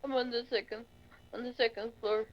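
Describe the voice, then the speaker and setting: A woman's voice: fairly high pitch, steady tone, fairly quick. A woman giving short check-ins over an in-game police radio. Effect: heard over an in-game police radio. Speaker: roleplayer on the radio. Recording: dull radio channel with faint static.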